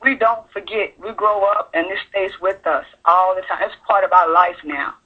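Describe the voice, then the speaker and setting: A woman calling in to a radio show, telling her personal story in a halting, earnest way. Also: mid-range voice, fairly even intonation, husky. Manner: halting, earnest, full of fillers. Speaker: caller sharing her story. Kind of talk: personal testimony on call-in radio. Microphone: telephone. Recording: tinny phone line.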